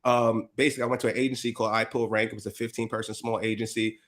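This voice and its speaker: A man telling his career story as a guest in a casual interview, slangy and lively, acting out what people said and laughing often. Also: fairly low pitch, very fast. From USA.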